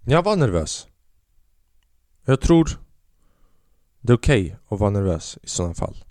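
A man's voice: sing-song, a little mellow, no room sound, clean studio sound. Rambling self-mocking young man podcaster. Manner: rambling, self-mocking, acts out quotes in a higher voice. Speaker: podcast host. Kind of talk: casual storytelling monologue.

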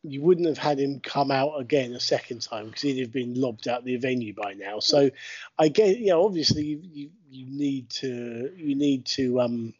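A man's voice: medium pitch, moderate pace, no echo, highs cut off. A man casually chatting about wrestling footage as a podcast co-host, narrating what happens on screen. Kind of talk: casual wrestling watch-along chat.

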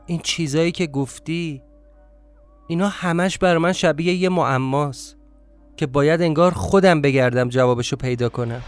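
Man narrating a story, confiding tone. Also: a little high. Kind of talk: first-person audiobook narration. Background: faint music.

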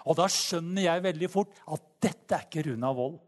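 Fervent preacher man. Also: a little high. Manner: fervent, animated, calls out "halleluja" often. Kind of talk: sermon.

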